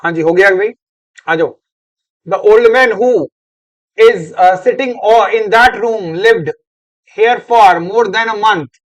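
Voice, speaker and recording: A man's voice: high-pitched, drawn-out words, pauses often. A man teaching an English grammar lesson, questioning and coaxing his students and repeating words. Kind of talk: classroom lecture.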